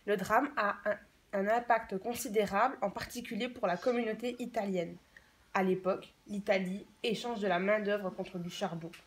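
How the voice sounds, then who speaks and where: A woman's voice: medium pitch, a little hiss or hum. A woman delivering a scripted news report as a field reporter.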